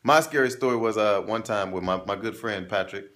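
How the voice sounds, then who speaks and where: A man telling a travel story in casual chat, acting out the quotes in a raised, animated voice. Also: lowish voice, a little fast. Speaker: travel vlog co-host.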